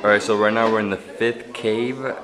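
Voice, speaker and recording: A man's voice: on the low side, steady tone, normal speed, music in the background, rough recording. Young man hosting an upbeat travel vlog. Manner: enthusiastic, touristy explaining. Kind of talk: casual travel vlog narration. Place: outdoors at a temple site and inside caves.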